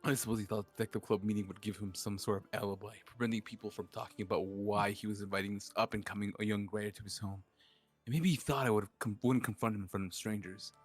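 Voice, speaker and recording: A man's voice: on the low side, quick pace, slightly rough, faint music behind. A man reading out a young male writer's murder confession in a murder mystery role-play. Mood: bitter. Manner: reads a dramatic confession in an even voice.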